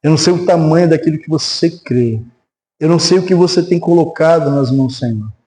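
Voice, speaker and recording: A man's voice: on the high side, fairly quick, poor audio. A man with a Brazilian Portuguese accent, a pastor preaching a sermon in a church, telling a testimony with acted-out voices and leading a prayer. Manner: animated storytelling, acts out quoted voices. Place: church sanctuary.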